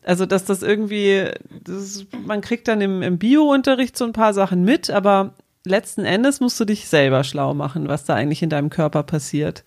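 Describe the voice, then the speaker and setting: A woman in her 40s co-hosts, explaining things casually and colloquially with a sprinkling of English slang. Her voice is medium in pitch and somewhat dark, at a moderate pace.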